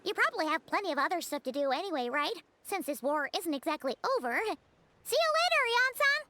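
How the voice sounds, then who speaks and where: A woman's voice: high-pitched, big pitch swings, fast talker, sharp tone, no echo, heavily acted. A woman voicing a small, blunt, chirpy floating girl companion in a game, talking casually and teasing. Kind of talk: game voice acting.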